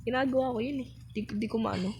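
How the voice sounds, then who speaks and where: A woman giving casual, chatty commentary while playing a game, breaking into sudden high exclamations. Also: quick pace, a little mellow, slight background noise, low-quality recording. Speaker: gaming vlogger.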